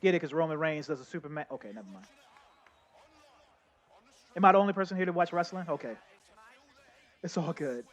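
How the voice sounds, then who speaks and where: Chatty excitable male game streamer. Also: fairly high pitch, fairly quick, pauses often. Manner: chatty, excitable, addresses chat as y'all. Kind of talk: casual live gameplay commentary.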